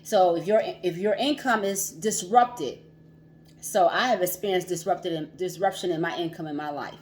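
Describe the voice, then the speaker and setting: A woman's voice: fairly low pitch, moderate pace, darkish tone. A woman hosting a casual livestream as a financial coach, chatty, laughing often and repeating herself.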